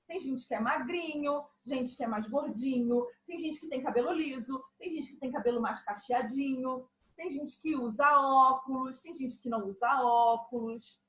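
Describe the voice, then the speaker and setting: High, lively woman teaching young children. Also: roomy sound, rough recording. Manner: patient, animated explaining with examples. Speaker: music teacher.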